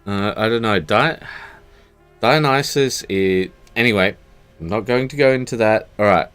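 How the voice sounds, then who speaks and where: A man with a fairly low voice talks loosely on a live stream, cracking jokes as he goes. He rambles and restarts his sentences often. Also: normal speed, a bit bright, smooth, soft background music. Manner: joking, rambling, stammers on restarts. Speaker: co-host of a miniature painting review stream. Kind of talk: casual chat.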